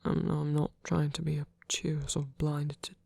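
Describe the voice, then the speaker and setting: A breathy, whispery performer takes on the role of a gentle, soft-spoken male vampire priest in intimate ASMR roleplay, murmuring hesitantly and earnestly with formal language. The medium-pitched voice holds a level tone at a moderate pace, recorded on a close, dry mic without echo, for a scripted romantic audio drama.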